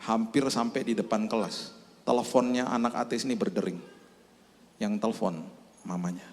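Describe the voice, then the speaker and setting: A man's voice: fairly even intonation, normal speed. A man preaching a sermon as pastor, telling stories and acting out the people in them with his voice rising and falling. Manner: storytelling, acts out quoted voices with big pitch leaps. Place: church hall. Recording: church hall reverb with faint music.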